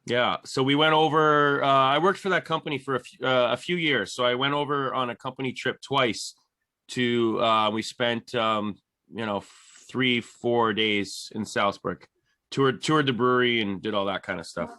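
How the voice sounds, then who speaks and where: Bright-voiced Canadian podcast host. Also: male voice, mid-range voice, fairly even intonation, normal speed, no echo. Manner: friendly, chatty, laughs easily. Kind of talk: casual interview chat.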